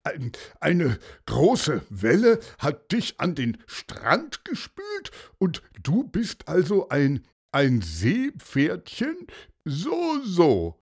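A storyteller voicing a mild, unhurried police inspector who hesitates and drawls. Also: medium pitch, wildly swooping pitch, breathy edge, voice pushed up, full character voice. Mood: hesitant.

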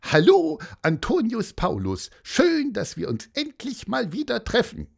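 A man voicing an excitable, quick-tempered talking bird in a children's story, in a high, shrill, indignant voice. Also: gravelly, full character voice. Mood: cheerful.

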